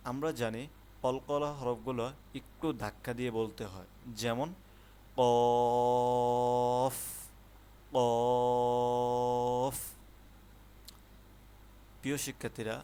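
A man with a Bangladeshi accent teaching the Arabic alphabet in an online lesson. He explains patiently, repeats his points, and draws out each letter sound slowly for students to copy. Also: mid-range voice, a little hiss or hum. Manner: slow, patient, drawn-out letter sounds for pronunciation.

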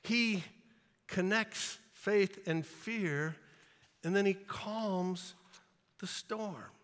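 A man's voice: high-pitched, very slow. A male pastor preaching a sermon, emphatic and earnest, acting out Bible scenes in playful asides. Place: church sanctuary. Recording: reverberant church hall.

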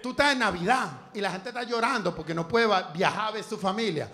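A man's voice: high voice, fast talker, sharp tone. A man with a Venezuelan Spanish accent doing a live stand-up set on a comedy club stage, crude, profane and teasing the crowd.

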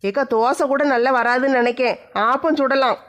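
A performer acting in a village comedy sketch with a cheeky, deadpan manner. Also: sits high, a little fast.

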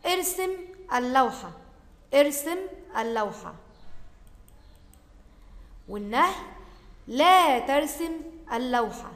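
A woman with an Egyptian Arabic accent teaches a primary class a recorded Arabic grammar lesson in a high voice. She stretches example words out slowly for the pupils, then slips into quick explanations. The echoey room carries a long reverb.

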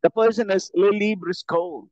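A middle-aged man, working through exam questions as a teacher, asking each question and then answering it with many "uh" pauses. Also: high-pitched, steady tone, darkish tone, no room sound, dull audio. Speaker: English teacher. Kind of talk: exam-prep lecture.

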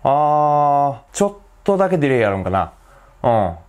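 A man's voice: fairly high pitch, sing-song, moderate pace, a little mellow. Chatty Kansai man testing a mic. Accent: Kansai Japanese. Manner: chatty, thinking aloud with many fillers. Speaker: gear reviewer. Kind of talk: casual mic-test vlog. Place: indoors at home, later outdoors at night.

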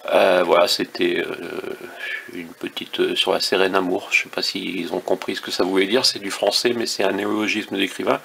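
A French man, a writer, complaining in a casual rant, with many fillers, pauses and wry remarks. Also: low-pitched, level tone, creaky, a bit bright, a little hiss or hum. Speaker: writer complaining about a social network. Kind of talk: casual screen-recorded rant.

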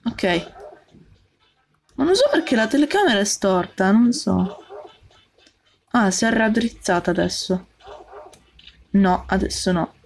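A woman's voice: mid-range voice, lively intonation, a little slow, creaky, pauses often. A woman doing let's play commentary, jumpy and full of yelps, talking to her game character and her viewers. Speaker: gaming channel host.

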